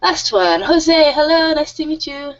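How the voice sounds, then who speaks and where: Teaching English to an online group, this thirties-aged woman comes across as friendly, slightly nervous and quick to laugh. Her voice sits high, animated but unhurried, recorded in muffled lo-fi audio.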